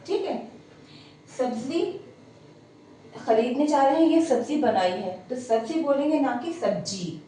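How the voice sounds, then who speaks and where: A woman's voice: sits high, mellow. A woman teaching an Urdu pronunciation lesson, contrasting right and wrong forms of words and often checking with "theek hai". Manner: corrects word pairs, repeats "theek hai". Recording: echoey distant room with hiss.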